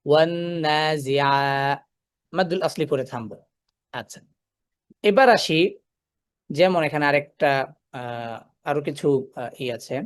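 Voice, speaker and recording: In a voice a little higher than most men's, a man teaches Quran recitation, working through each rule step by step. He poses questions and answers them himself, slowing way down whenever he recites an example verse.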